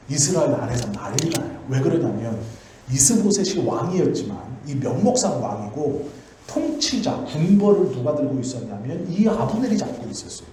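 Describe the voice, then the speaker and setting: A man's voice: mid-range voice, dark tone. A male pastor telling a Bible story in a sermon, chatty, asking questions and answering them himself. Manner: conversational, asks and answers own questions. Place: church sanctuary. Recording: very echoey church hall, faint noise.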